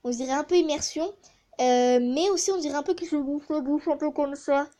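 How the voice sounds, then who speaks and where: A chatty woman talks casually for her gaming channel. Her voice sits high but sounds mellow and warm. She pauses often to hesitate as she thinks. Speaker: gaming YouTuber testing a voice changer app. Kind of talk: casual vlog commentary.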